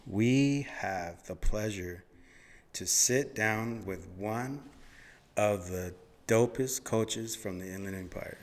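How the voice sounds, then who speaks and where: A man's voice: fairly low pitch, slow pace. A man hosting a podcast, introducing a guest emcee-style, then chatting casually and repeating words back. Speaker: podcast host. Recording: reverberant room sound.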